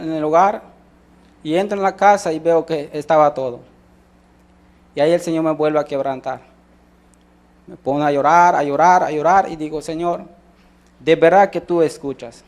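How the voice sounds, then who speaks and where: With a Mexican Spanish accent, a man gives a sermon testimony, telling his story with frequent restarts and acting out the dialogue of the people in it. His voice is a little high and steady, at a normal pace, with long pauses.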